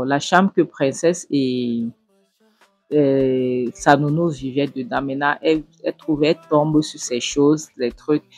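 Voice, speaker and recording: A woman's voice: low-pitched, husky, no echo. Woman recapping a movie, emotional asides, dry close sound over faint music. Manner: emotional, exclaiming, drops softer when moved. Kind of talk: casual retelling of a film scene with commentary.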